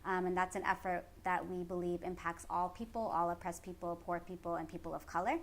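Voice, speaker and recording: A Bay Area community organizer from the United States, speaking with a Californian American accent, explains her organizing work in an interview, articulate and earnest. Her voice sits on the low side, fairly quick with fairly even intonation, and the background is clearly noisy.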